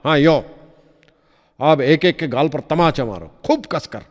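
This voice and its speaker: A man voicing a gruff, bullying male railway ticket inspector who barks orders, in a recording with a long reverb. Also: fairly high pitch, a little slow, natural voice. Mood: bossy. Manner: barking orders.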